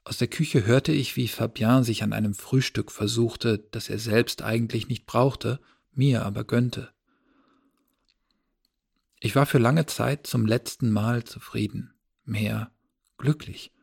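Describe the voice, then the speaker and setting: A man reading a novel aloud as a first-person narrator, in a measured, low-key storytelling manner. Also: fairly even intonation, gravelly, darkish tone, slightly rough. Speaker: audiobook narrator.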